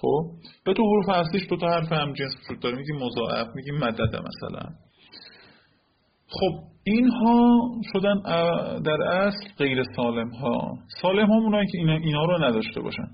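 A man's voice: fairly high pitch, lively intonation, slightly rough. A man teaching a classroom lecture, explaining step by step and often checking whether his listeners follow. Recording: lo-fi recording with faint noise.

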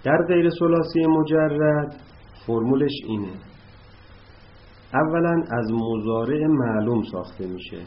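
A man teaching an Arabic grammar lesson, explaining word patterns slowly and patiently as he writes examples on a board. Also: mid-range voice, lively intonation. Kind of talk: classroom lesson. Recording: dull lo-fi recording with faint noise.

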